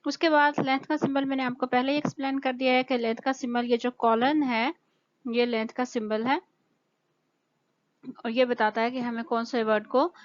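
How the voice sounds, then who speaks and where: Slow, careful Pakistani woman teacher, lo-fi. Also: high-pitched, flat delivery. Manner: slow and careful, drawing out example words. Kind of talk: recorded lecture explaining English pronunciation. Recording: dull, lo-fi sound.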